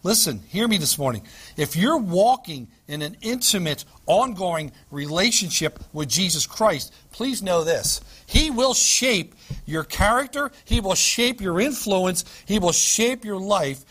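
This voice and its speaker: Man, pastor, high-pitched sermon voice, emphatic and repetitive. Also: animated, fairly bright tone, husky. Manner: emphatic preaching with dramatic pauses and repetition.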